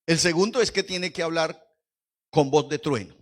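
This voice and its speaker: A man preaching a lively Pentecostal sermon in church, swinging from hushed asides to shouts and quizzing the congregation. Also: fairly high pitch, normal speed. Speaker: pastor.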